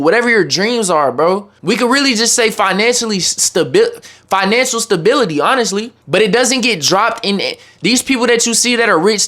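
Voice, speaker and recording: A man's voice: high voice, a bit bright. A man giving an informal, slangy motivational talk to viewers, driving points home with emphatic repetition. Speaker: YouTuber.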